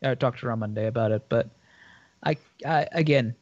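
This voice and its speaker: A man co-hosting a podcast, talking in a relaxed, easygoing way. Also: mid-range voice, fairly quick, no echo. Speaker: podcast co-host. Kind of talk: casual chat. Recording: dull, dry mic.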